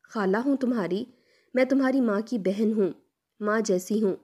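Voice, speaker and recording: Woman doing a shrill, spiteful scolding aunt. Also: dark tone, natural voice. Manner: shrill, accusing, rapid tirades. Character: harsh scolding middle-aged aunt, spiteful. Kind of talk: dramatized story reading.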